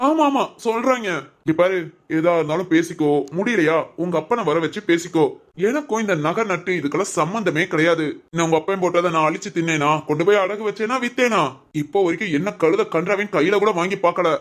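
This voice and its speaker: A woman voicing a dismissive young husband in a cartoon family drama, talking in a gruff, scolding way. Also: lowish voice, a little fast, natural voice. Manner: gruff, scolding, self-pitying complaints.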